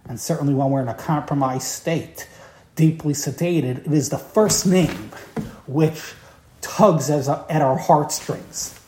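A woman's voice: sits low, unhurried, mellow. A woman giving an evening Torah lecture in an emphatic, impassioned way, often repeating key words. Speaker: Torah teacher. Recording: roomy, echoey room.

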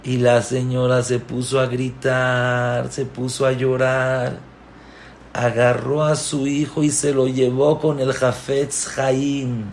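A man's voice: mid-range voice, flat delivery, slow, a little hiss or hum. A man teaching a sermon, telling a story and repeating key words with rising emphasis. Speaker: rabbi teaching a Torah class.

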